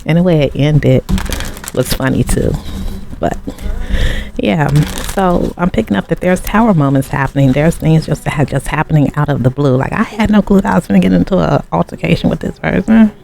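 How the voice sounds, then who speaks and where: A man's voice: fairly high pitch, brisk, vocal fry, a little mellow. A man giving a tarot reading in a casual, rambling way, often turning to the viewer with asides. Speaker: tarot reader. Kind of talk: casual chat.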